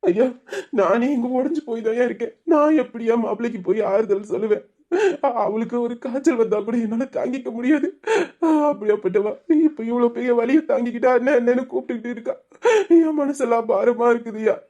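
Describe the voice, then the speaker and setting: A grieving, pleading brother. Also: male voice, extremely high pitch, fairly quick, warm tone, highs cut off. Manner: emotional, sorrowful and pleading. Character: grieving older brother, husband's in-law.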